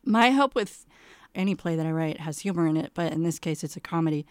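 A woman playwright talks about her writing in an interview, open and ready to poke fun at herself. Her voice is smooth and clean, sitting slightly low. The recording is close and dry, with no room sound. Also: quick pace, no echo. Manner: candid, self-deprecating, laughs easily. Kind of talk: interview conversation.

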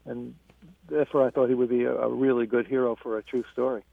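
A man's gravelly voice comes through a tinny phone line, dry and close. He is an author answering interview questions, measured and halting, often restarting his sentences. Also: mid-range voice, level tone, no room sound. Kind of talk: radio interview.

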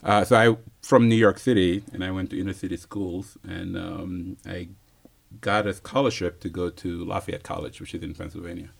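A man in his thirties from Senegal, answering interview questions in an easygoing way, pausing with fillers and chuckling often. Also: low voice, fairly even intonation, creaky, slightly rough. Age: 30s. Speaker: interview guest, physicist.

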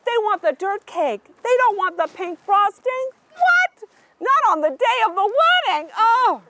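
Sassy campy drag queen doing kids storytime, real high pitched, takes it slow n dramatic. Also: very animated, pushed and bright, slight background noise. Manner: theatrical, exclamatory, prompts the audience to call back. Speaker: storytime reader and performer for preschoolers. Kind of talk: animated children's read-aloud with audience questions.

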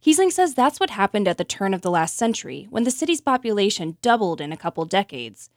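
A woman hosts a public radio explainer, reading scripted narration. Her pitch is middling and the recording is dry and close. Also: very animated, fast, dry recording. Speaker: radio reporter and podcast host.

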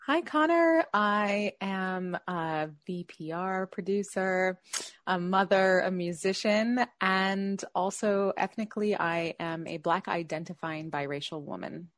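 Woman, radio producer, slow deliberate talk, dry sound. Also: mid-range voice, no echo. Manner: slow, deliberate self-introduction.

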